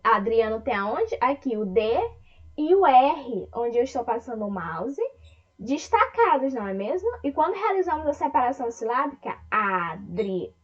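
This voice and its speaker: Lively, high-pitched Brazilian teacher woman. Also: highs cut off. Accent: Brazilian Portuguese. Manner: slow, syllable-by-syllable teacher talk with questions to children. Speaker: primary school teacher. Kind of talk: online lesson with slides.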